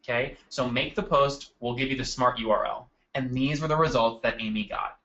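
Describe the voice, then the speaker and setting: Upbeat man hosting a webinar, bright voice. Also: mid-range voice, steady tone, moderate pace, highs cut off. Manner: upbeat, addresses attendees by name. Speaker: webinar host. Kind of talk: live marketing webinar presentation. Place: at a desk indoors.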